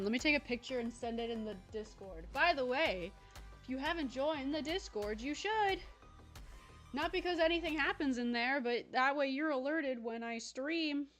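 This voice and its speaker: A woman's voice: on the high side, fairly bright tone. A young woman hosting a livestream, chatting casually and playfully with her viewers and laughing often. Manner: playful, giggly, chatting to viewers while eating. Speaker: livestream host.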